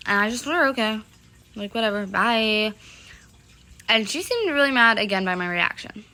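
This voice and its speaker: A woman's voice: medium pitch, lively intonation, normal speed, sharp tone. A young woman telling a casual storytime, rambling with lots of fillers and loosely quoting the others. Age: young adult.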